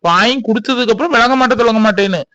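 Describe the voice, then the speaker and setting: Cartoon: scolding group leader voiced by a man, bright and quick, muffled sound. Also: very high-pitched, no echo. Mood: mocking. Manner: mocking, scolding. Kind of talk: cartoon voice acting. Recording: dull lo-fi dry recording.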